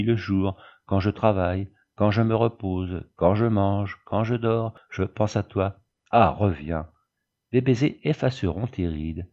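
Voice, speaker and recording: Old peasant widow begging god for her son, man reading it, low dark voice, kinda muffled. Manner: fervent, pleading prayer.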